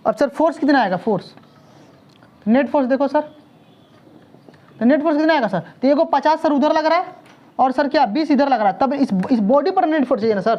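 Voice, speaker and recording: A man's voice: very high-pitched, expressive, a little fast, long pauses, muffled recording. A man teaching physics to a classroom in Hindi mixed with English terms. He fires questions at the students, tacks "sir" onto almost every line and scolds them when they stall. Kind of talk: classroom lecture.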